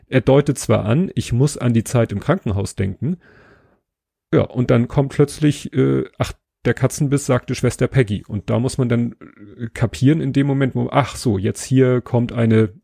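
A man hosting a podcast, giving a relaxed, casual spoken book review and pausing to search for words. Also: medium pitch, vocal fry, breathy edge, dry recording, studio quality.

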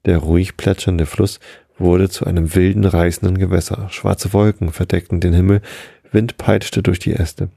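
A man narrating a storybook in a calm, measured way. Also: sits low, vocal fry, breathy edge, no echo, studio quality.

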